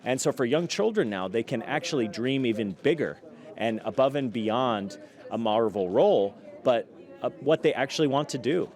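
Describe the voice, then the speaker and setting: A man's voice: medium pitch, lively intonation, moderate pace, darkish tone. A man speaking in a red carpet interview.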